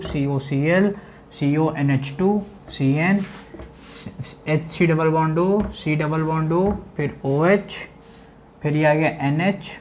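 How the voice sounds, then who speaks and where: A man's voice: a little high, darkish tone, a little hiss or hum. A man teaching chemistry, lecturing a class and repeating key terms back as questions.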